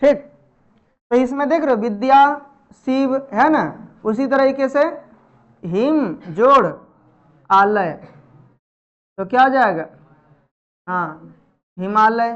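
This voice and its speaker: A woman teaching Sanskrit grammar in a classroom, firing repeated questions at her pupils and gently scolding them. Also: fairly high pitch, slow pace, long pauses, smooth, dull audio. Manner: drills students with repeated questions and answers; chiding, familiar address to pupils. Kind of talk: live classroom teaching in Hindi. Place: classroom with students.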